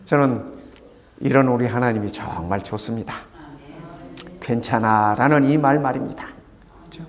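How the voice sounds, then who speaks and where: A man in his sixties preaching a sermon as pastor, swinging between fervent raised lines and hushed near-whispers. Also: medium pitch, moderate pace, big-room sound.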